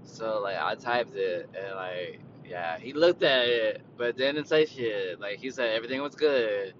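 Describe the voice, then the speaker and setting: A retail worker tells stories about his job in a casual, profane, laid-back rant, his voice animated but unhurried, and he quotes people in a raised voice. The recording is dull and lo-fi with a vehicle rumble.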